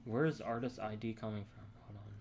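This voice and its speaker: A young man casually thinking aloud and answering chat on a live coding stream, halting and rambling as he works. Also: on the low side, fairly even intonation, a little mellow, a little hiss or hum. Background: keyboard typing.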